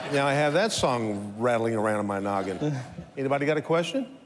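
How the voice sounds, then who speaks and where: A man hosting a live morning talk show, bantering with his guests in a playful, upbeat, teasing manner. His pitch sits in a middle range. His voice rings out in a long reverb. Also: lively intonation, brisk, noisy background. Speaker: host.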